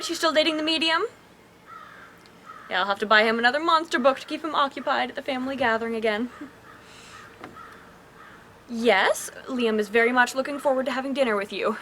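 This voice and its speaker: Comedy series lead: a woman as a haughty, prim young woman with stiff formal diction, high and swooping, bright. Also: a little hiss or hum. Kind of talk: comedy web series acting.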